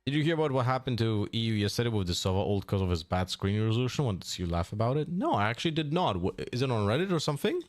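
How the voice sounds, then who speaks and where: A man casually chatting on a live stream, reading and answering chat in a relaxed, mumbling way that trails off. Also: medium pitch, very fast, few pauses.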